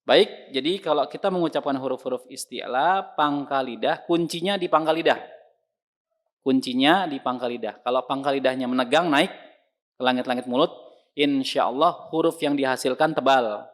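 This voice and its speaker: A man teaches Quran recitation in an online lesson. His voice sits at a middle pitch. He explains calmly and repeats each sound loudly to demonstrate it. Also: normal speed.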